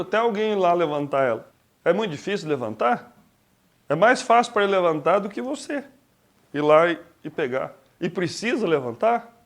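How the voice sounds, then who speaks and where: Brazilian man, 40s, talky reflective speaker, slightly high-pitched, lively, acts out scenes. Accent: Brazilian Portuguese. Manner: conversational and expressive, rhetorical questions, acts out little scenes. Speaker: speaker giving a reflection talk. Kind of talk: casual spoken reflection.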